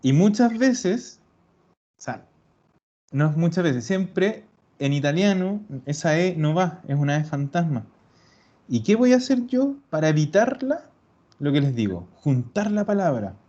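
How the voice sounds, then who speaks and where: A man teaching an online language class, explaining patiently and slowing down to repeat example words. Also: a little high, sing-song, dark tone. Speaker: Italian teacher. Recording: dull lo-fi recording.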